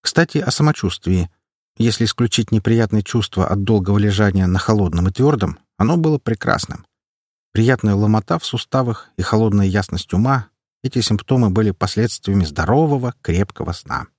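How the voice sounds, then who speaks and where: Male audiobook reader, measured and steady, low husky tone, dead-dry studio sound. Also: no room sound. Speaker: audiobook narrator. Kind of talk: first-person audiobook narration.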